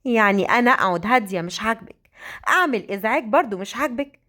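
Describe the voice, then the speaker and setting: A woman with an Egyptian accent voicing a bossy young female coworker, quick and scolding. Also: on the high side, lively intonation, bright, forceful tone. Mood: irritated. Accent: Egyptian Arabic.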